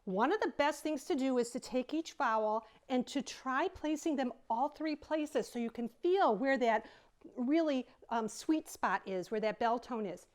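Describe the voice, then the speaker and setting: A woman choir director explains singing technique in a friendly, enthusiastic way. Her speaking voice sits on the higher side for a woman. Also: expressive, measured pace, dry recording. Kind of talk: vocal technique video lesson.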